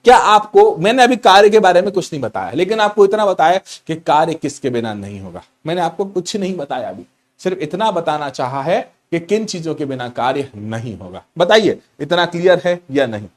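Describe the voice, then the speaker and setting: Playful higher-voiced male physics teacher. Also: sing-song, a little fast. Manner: playful, repeats key points, addresses students as children. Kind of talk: online class lecture.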